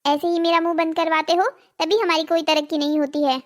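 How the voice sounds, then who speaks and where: A woman's voice: very high voice, little pitch movement, a little fast, a little hiss or hum. A woman voicing a greedy, nagging village wife in a cartoon drama, scolding and pleading. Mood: complaining.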